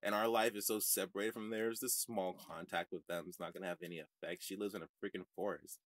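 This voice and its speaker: A man hosting a religious online show, ranting to his viewers in a combative way that swings from shouting to muttering. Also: low voice, steady tone, fast, no room sound. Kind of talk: heated livestream rant to viewers.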